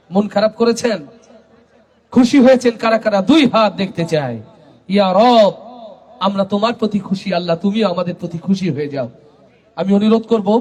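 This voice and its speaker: A man leading a large live religious gathering on a stage microphone, calling for responses from the crowd and rising into shouted chants. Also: sits high. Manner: rousing call-and-response, urging the crowd to answer louder. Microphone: stage microphone through a public address system.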